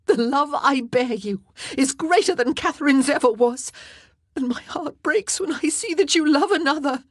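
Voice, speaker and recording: A woman voices a distraught young queen who screams and sobs in jealous, anguished outbursts, her voice rising high. She is expressive at normal speed, recorded close and dry with no room sound.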